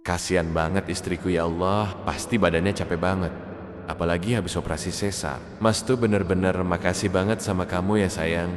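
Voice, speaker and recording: A man voicing a sweet, affectionate young husband and new father in an animated drama. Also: deep voice, fairly quick, no echo, soft background music, close to an everyday voice.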